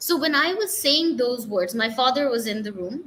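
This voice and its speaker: A woman from Bangladesh, an English teacher, talks in an unhurried way with a high, bright voice. She stops often to think and fills the gaps with small sounds. A faint hiss sits under the voice. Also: lively intonation, rough recording. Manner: thoughtful, with many fillers and restarts. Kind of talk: casual interview talk, mixing English and Bengali.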